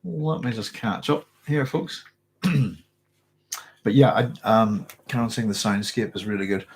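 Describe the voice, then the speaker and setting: This Northern Irish man is hosting a casual live stream, chatting and reading comments in a rambling way, full of fillers and restarts, with a tickly cough in his throat. His voice sits on the low side and moves at a measured pace, with a little hiss or hum on the recording.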